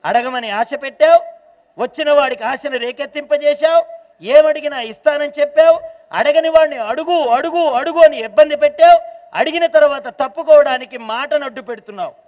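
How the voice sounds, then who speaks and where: A man's voice: very high voice, brisk. A man giving a devotional sermon, telling a sacred story expressively and asking rhetorical questions. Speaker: pravachanam speaker. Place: large temple hall. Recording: tinny phone-like sound in a reverberant hall.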